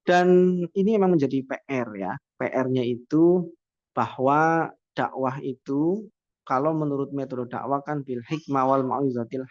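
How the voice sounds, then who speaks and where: On a dry, dull lo-fi recording, a man lectures at a university, his voice on the high side with a darkish tone. He keeps things conversational, posing rhetorical questions that he goes on to answer.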